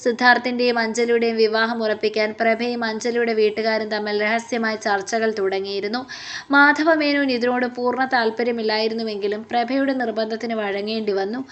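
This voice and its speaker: A woman narrating a romance audiobook in a steady, expressive reading. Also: on the high side, fairly quick, highs cut off. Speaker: storyteller. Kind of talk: scripted story narration.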